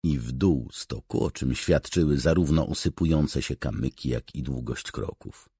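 A man reading an audiobook in a measured, scripted narration. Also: extremely low pitch, warm tone, breathy edge, dry recording, studio quality.

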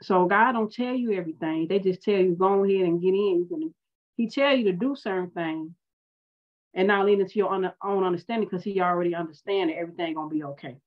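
Animated woman minister, dull lo-fi sound. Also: lowish voice, fast talker. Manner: animated, conversational storytelling with acted-out quotes. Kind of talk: sermon storytelling.

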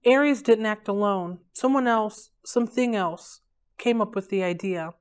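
At a library read-along, a woman reads a novel aloud at a steady, unhurried pace. Her voice is mid-range and smooth.

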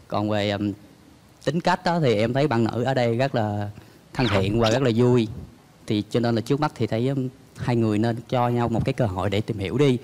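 A man, a friend of the contestant, giving a measured, somewhat hesitant opinion into a handheld microphone. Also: medium pitch, noisy background.

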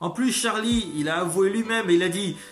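Man, video critic, rambling, swears a lot, slightly high voice, echoey room, faint guitar behind. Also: fairly quick. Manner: rambling, excitable, swears freely. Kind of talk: casual spoken review. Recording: roomy echo, faint music behind.

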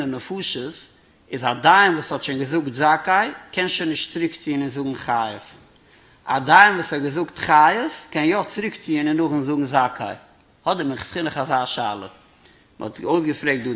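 A man's voice: on the high side, a bit bright. A man, a rabbi, giving a Torah lecture, reasoning aloud by posing questions and answering them.

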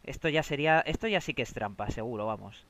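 A young man from Spain with a Spanish accent, streaming live and commenting on his game, excitable and quick to swear as he talks to viewers. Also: medium pitch.

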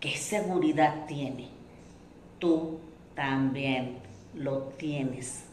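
A woman giving a self-help talk, deliberate, repeating lists and acting out quoted remarks. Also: sits low, a little mellow, echoey room, a little hiss or hum. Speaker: motivational speaker.

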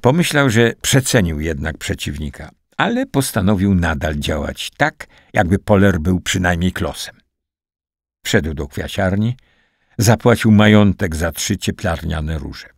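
Deep husky male audiobook narrator. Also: expressive, measured pace, dry recording, studio quality. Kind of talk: scripted narration.

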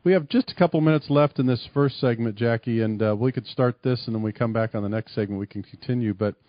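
A man's voice: medium pitch, quick pace, no echo, dull audio. A man hosting a radio talk show, asking casual questions with plenty of fillers.

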